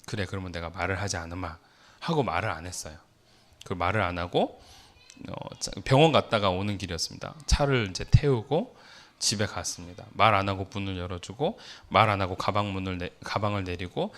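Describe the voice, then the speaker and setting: Korean pastor telling a family story. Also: male voice, deep voice, fairly bright tone. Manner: storytelling with rhetorical questions to the congregation. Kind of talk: sermon.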